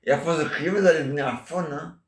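This amateur solo performer's voice is a little high and quick as he riffs through an improvised comic monologue that wanders freely. Chatty throughout, he answers listeners who aren't there, adds questions on the end, and keeps saying "hein?" and "ah ouais". The room around him echoes.

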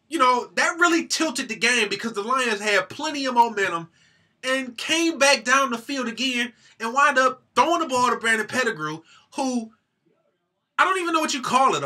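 A young man from Detroit hosts a sports vlog from a small room with a team banner behind him, ranting animatedly to his webcam about a game. His very high-pitched voice is bright and forceful with a breathy edge, and his review is heated, slangy, and incredulous.

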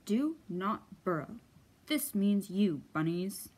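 Woman playing a slow, grumpy big storybook bear. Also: mid-range voice, sing-song. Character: big grumpy bear, lonely but friendly underneath. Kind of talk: children's picture book read aloud. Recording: echoey room, faint background noise.

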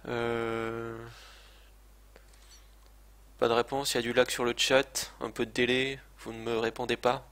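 Game sound plays through speakers as a man talks into a desk microphone during a live gameplay stream. His medium-pitched voice is clean, fairly bright and flat, unhurried with frequent pauses, while he chats casually and hesitantly, cursing and joking at his own expense.

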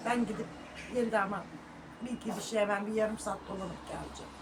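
A woman's voice: medium pitch, fast, background noise. A middle-aged woman vlogging at home, talking to her viewers in a sorrowful, prayerful way and sometimes calling sharply to her dog. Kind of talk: casual home vlog talk to viewers.

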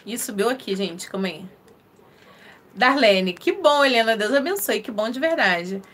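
A woman with a Carioca accent talks casually on a crochet live stream, her voice sitting a little high. She is chatty and friendly, greeting viewers one by one and laughing often. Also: lively intonation, normal speed, a bit bright, a little hiss or hum. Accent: Carioca (Rio de Janeiro) Portuguese. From Rio de Janeiro, Brazil.

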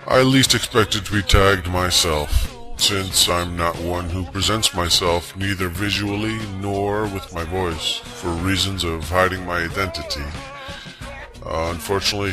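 A man in his forties, a vlogger, delivers a slow, wry monologue to his viewers. His voice has been disguised, altered to sound deep.

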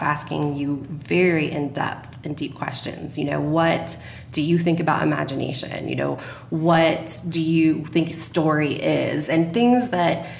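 A woman who produces radio drama talks about her work as a guest in a conversational podcast interview. Her voice sits low and sounds creaky. The recording has a roomy echo and faint noise.

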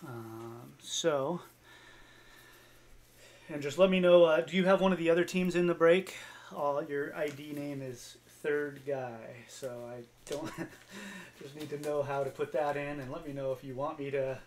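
A man's voice: a little high, a little slow, darkish tone, a little hiss or hum. A man hosting a card-break livestream, chatting casually with viewers in an easygoing way with lots of fillers.

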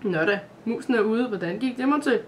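Icy polite villain dad from a kids' storybook, calm and menacing, middle pitch, as the reader puts him on. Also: a little hiss or hum, lightly acted. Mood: mocking. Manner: cold, mockingly polite menace. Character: cruel calm father, a male sorcerer. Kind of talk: storybook character voice.

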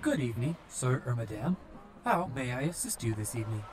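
A man's voice: mid-range voice, sing-song, fairly quick, pitched above the performer's own voice, natural voice. A man voicing a polite, formal android gate guard with stiff, robotic phrasing in an audiobook. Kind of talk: audiobook character voice.

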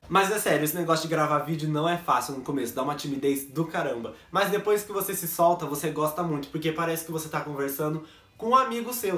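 A man's voice: on the high side, a bit bright. Chatty young man in an echoey room. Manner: jokey, chatty, self-mocking. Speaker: YouTuber. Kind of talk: casual vlog chat to camera. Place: bedroom set at home. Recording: echoey room, basic camera mic.

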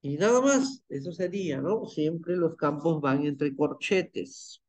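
A man's voice: fairly high pitch, slow, darkish tone. Man teaching an online class. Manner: patient, checks in with "¿ya?" and "¿ven?". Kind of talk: live online class, screen-share demo. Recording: muffled lo-fi online class audio.

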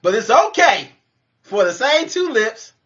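The co-host, a man in his thirties, has an extremely high pitch and a measured pace as he teases, argues, and laughs a lot in a casual live chat from a home kitchen. The sound comes through muffled lo-fi webcam audio.

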